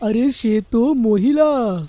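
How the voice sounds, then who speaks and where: A woman's voice: on the high side, slow, warm tone, slight background noise. A woman voicing a jovial, coaxing village husband in a cartoon. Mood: teasing. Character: easygoing teasing village husband. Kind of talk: cartoon voice acting.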